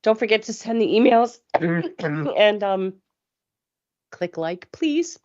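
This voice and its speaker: A woman hosting a casual live show, chatty and rambling, with a hoarse voice from a cough. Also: medium pitch, animated, slow pace, darkish tone, dull audio. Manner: chatty, rambling, laughs easily. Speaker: host.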